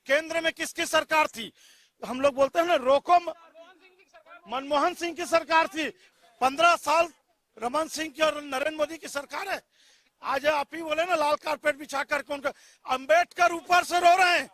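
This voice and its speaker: A man's voice: extremely high pitch, fairly even intonation, moderate pace, sharp tone, no echo. A man on a TV news debate panel, combative and throwing out rhetorical questions.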